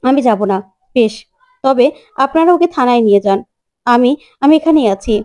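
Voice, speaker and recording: A woman voicing a gentle, caring young woman who pleads softly and earnestly. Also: sits high, animated, moderate pace, no room sound, studio quality. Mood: pleading. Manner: soft, quiet, earnest pleading.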